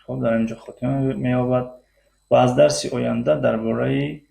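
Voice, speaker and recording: A man with a Tajik accent teaching an English lesson, reading slow English phrases and explaining them quickly with many hesitations. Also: mid-range voice, fairly even intonation, gravelly, warm tone, reverberant. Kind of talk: language lesson explaining textbook dialogue.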